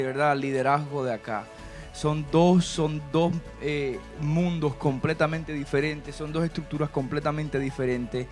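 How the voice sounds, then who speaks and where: A man pastor hosting a church talk show, talking in a chatty preaching manner with frequent tag questions. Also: fairly high pitch. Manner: preachy, warm and chatty, with many "¿verdad?" asides. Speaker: pastor and host.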